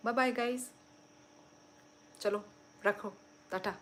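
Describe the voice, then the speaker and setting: Slow-talking young woman chatting on a live stream. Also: on the high side, steady tone, slight background noise. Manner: chatty, reads out and answers viewer comments with frequent laughter. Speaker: livestream host. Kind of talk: casual live-stream chat.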